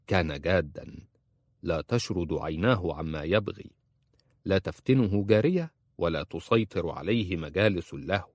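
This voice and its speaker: A man reading a historical novel aloud in steady, measured scripted narration. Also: deep voice, no room sound, clean studio sound. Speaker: audiobook narrator.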